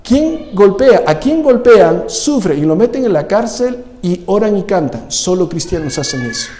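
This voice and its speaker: A man delivers a lively church sermon, pressing the congregation with question after question. His voice sits high but sounds mellow and dark in tone. Long church-hall reverb trails behind every phrase. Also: measured pace. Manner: animated preaching, rhetorical questions to the congregation. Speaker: pastor. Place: church service.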